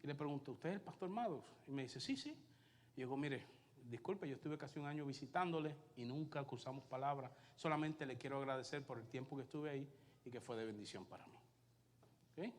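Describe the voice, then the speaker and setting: A male pastor with a Puerto Rican Spanish accent preaching a sermon and telling his own story, alternating loud emphasis with hushed asides. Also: mid-range voice, a little fast, in a large hall. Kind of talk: sermon with personal testimony. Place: church sanctuary.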